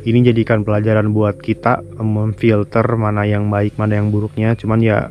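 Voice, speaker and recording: A man's voice: fairly low pitch, completely flat delivery, normal speed, lo-fi sound. A man hosting a casual vlog, chatting loosely with viewers and interviewing locals outdoors. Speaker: vlogger, host.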